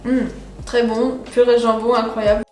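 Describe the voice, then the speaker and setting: A woman's voice: fairly high pitch, level tone, moderate pace. A young woman casually talking to her viewers while eating, chatty and giggly. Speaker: vlogger. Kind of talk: casual food challenge vlog. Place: home kitchen. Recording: echoey room with music behind.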